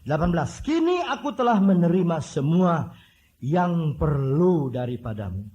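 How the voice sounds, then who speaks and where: A man preaching a sermon, animated and joking, with mimicked voices and whistle sounds. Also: on the high side, moderate pace, dull audio. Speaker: pastor.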